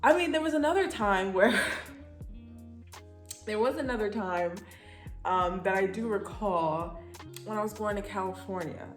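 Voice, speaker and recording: A young woman from Canada, chatty and animated, telling a story in a vlog. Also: medium pitch, measured pace, pauses often, faint music behind. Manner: animated, chatty, often breaks into laughter. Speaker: vlogger. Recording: echoey room.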